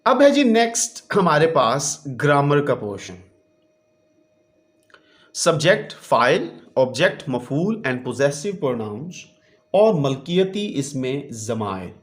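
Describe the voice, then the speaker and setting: A male teacher giving a bilingual classroom explanation. He reads each English phrase slowly, translates it, and keeps adding a polite "ji". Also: a little high, big pitch swings. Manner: patient, often adds the polite filler "ji".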